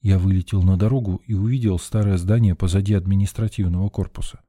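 A man's voice: low-pitched, fairly even intonation, quick pace, mellow, no echo, clean studio sound. A man reading a first-person story in a tense, urgent narrating voice. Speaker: audiobook narrator.

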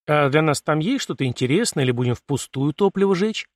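A man's voice: fairly high pitch, animated, fairly quick, dry recording, studio quality, close to an everyday voice. Man doing a brash young starship captain. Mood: wry. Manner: curt, scornful, commanding. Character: blunt, brash young male ship captain.

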